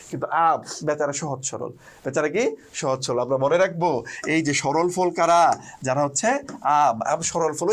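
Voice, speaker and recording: A young man, teaching an online lesson with mnemonics, quizzing listeners and answering himself. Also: on the high side. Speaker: admission test tutor. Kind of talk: energetic online lesson with call-and-response mnemonics.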